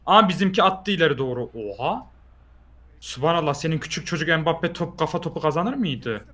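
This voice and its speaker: A man's voice: fairly high pitch, lively intonation, a little fast, bright, forceful tone. A young man playing a football video game against a friend, joking, mocking him and cheering on his own players. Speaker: opponent player. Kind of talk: casual gameplay banter.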